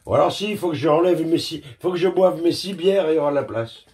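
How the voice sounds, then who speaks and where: A man's fairly high, slightly mellow voice comes through quick and animated as he runs a cooking vlog from his home kitchen. He jokes at his own expense, swears crudely, and addresses the viewer directly while working. There's a slight hiss or hum on the recording.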